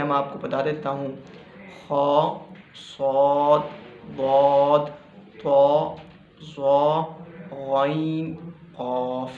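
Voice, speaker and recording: A man from Pakistan teaching Quran reading in a slow spoken lesson, patiently repeating each point and sounding out the letters. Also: on the high side, gravelly, slight background noise. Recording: muffled echoey room recording.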